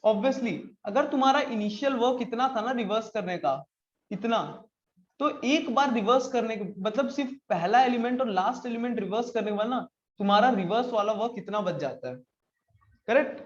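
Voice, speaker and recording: A man's voice: very high voice, normal speed, reverberant, lo-fi sound. A man teaching a live online coding class in a chatty, casual way, often turning to ask his students questions. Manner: chatty, mixes English into Hindi, asks the class questions.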